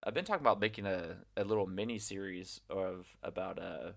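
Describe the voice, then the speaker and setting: Casting: young guy, slightly low voice, relaxed chatty podcast talk full of fillers. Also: a little fast, vocal fry. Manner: easygoing, laughs often, filler-heavy. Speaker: English teacher in China. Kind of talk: casual chat.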